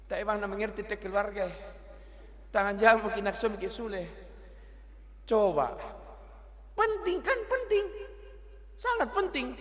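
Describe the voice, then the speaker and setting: A middle-aged male pastor, preaching a lively, teasing sermon in church. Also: high-pitched. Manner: lively, teasing, mixes local words into his preaching. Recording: long church reverb.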